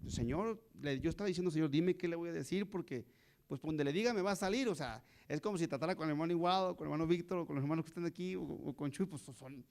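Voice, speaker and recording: Animated high-voiced man preaching. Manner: animated storytelling with rising rhetorical questions. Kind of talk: sermon. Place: church.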